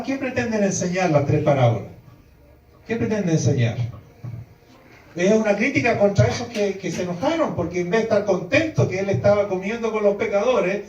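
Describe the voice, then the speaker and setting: A high-pitched man preaches an emphatic sermon, swinging from calm explanation to loud exclaimed lines. He is heard from a distance in a roomy church hall. The recording is dull, with faint music underneath. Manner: emphatic, rising to exclamations and acted quotes. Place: church hall before a congregation.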